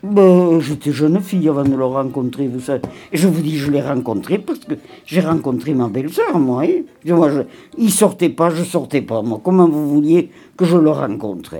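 Older woman for a home interview: low, dark, husky, rambling and sighing. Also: sing-song, moderate pace, few pauses. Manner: rambling, repeats words, sighs. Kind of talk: casual reminiscing interview.

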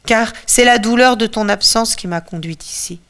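A woman voicing the ghost of a loving older mother who speaks slowly and tenderly. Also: a little high, fairly bright tone, smooth, natural voice. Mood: sorrowful.

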